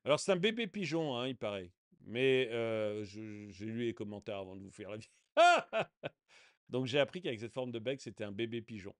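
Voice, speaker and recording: A man's voice: mid-range voice, animated, moderate pace. A man giving casual video commentary in a sarcastic, indignant way, often chuckling. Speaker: online commentator.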